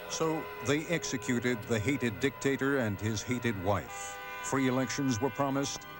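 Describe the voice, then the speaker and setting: A man narrating a television news documentary in a measured, solemn scripted delivery. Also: medium pitch, over music.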